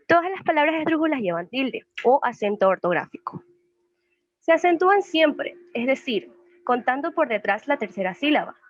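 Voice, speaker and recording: A woman's voice: high voice, dry recording. A young woman, a student, reading a class presentation that poses questions and then answers them. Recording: muffled lo-fi recording.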